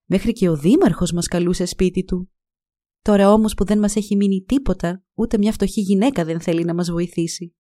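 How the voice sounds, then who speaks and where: A woman's voice: medium pitch, fairly even intonation, dark tone, dry recording, clean studio sound, natural voice. A woman voicing a worried, bitter farmer's wife in a storybook reading. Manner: plaintive.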